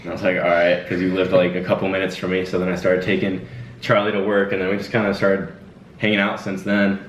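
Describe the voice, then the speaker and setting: Talking fast in a low, monotone voice, a twenty-year-old man hosts a casual Q&A for his channel from home. He's laid-back and rambling, packing in fillers. The echoey room, distant dull mic, and slight background noise shape the sound.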